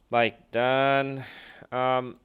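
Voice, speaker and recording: A man teaching an online Bible class, unhurried, pausing often with fillers. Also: mid-range voice, flat delivery, clear, resonant tone, narrow, tinny audio. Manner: unhurried, with many fillers and hesitations.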